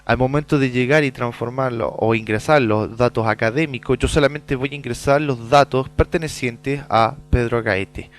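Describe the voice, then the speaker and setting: A man's voice: medium pitch, fairly even intonation, normal speed, few pauses, faint music behind. A man explaining a database program in a screencast tutorial, checking in with the listener as he goes and muttering while he types in example data. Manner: explanatory, peppers lines with "¿ya?"; mutters quietly while typing in sample data. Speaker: software course instructor.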